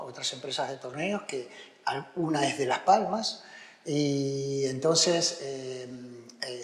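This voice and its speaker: A middle-aged man from Argentina with an Argentine Spanish accent, a tennis coach answering interview questions hesitantly, with many fillers and restarts, growing emphatic. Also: medium pitch. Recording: echoey room with long reverb.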